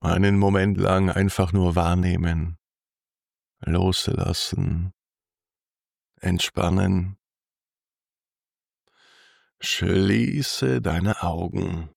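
A man narrating a guided sleep meditation as host, in a soothing, hushed manner with long pauses. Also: low-pitched, fairly even intonation, vocal fry, no echo, studio quality.

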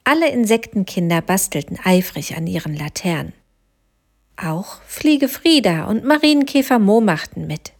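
A woman narrating a children's story in a gentle, expressive way. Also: mid-range voice.

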